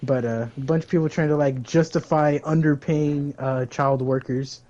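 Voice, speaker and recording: A man's voice: on the high side, steady tone, moderate pace, warm tone, dull audio. A young man co-hosting a podcast, chatting casually with a laid-back, teasing, slangy manner. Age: young adult. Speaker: podcast co-host. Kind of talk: casual chat.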